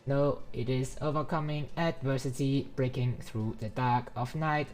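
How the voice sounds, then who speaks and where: A woman voicing a stern heroic commander who delivers a long, formal speech in a measured orator's manner for a game. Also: a bass voice, steady tone, darkish tone, soft background music. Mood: solemn resolve.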